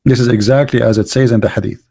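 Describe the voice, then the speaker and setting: Fast and sarcastic, this middle-aged host of a live religious debate podcast mocks in heavily accented, broken English. He has a mid-range, husky voice with a dark tone, vocal fry and a steady delivery.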